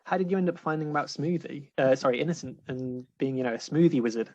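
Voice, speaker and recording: A man hosting a student union interview over a video call, friendly, with many pauses and restarts. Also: fairly high pitch, darkish tone, no room sound. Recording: slightly muffled call audio.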